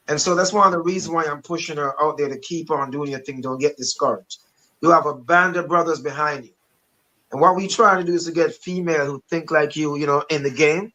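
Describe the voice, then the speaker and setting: A man's voice: a little high, pushed and bright, rough recording. A man speaking as a guest in a supportive, encouraging way.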